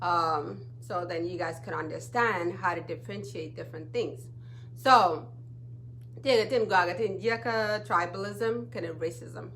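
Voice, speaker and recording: A woman's voice: fairly low pitch, takes it slowly, fairly bright tone, slight background noise. A woman from Ethiopia, hosting a casual live stream and often checking in with her viewers. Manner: chatty, often checks in with "okay?". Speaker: livestream talk show host.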